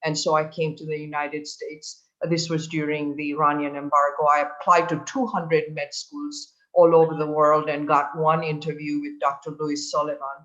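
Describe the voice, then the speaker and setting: An older man from Tanzania, a doctor on a panel, telling his life story in an earnest, measured way with hesitations. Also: fairly high pitch, level tone, bright, forceful tone, lo-fi sound.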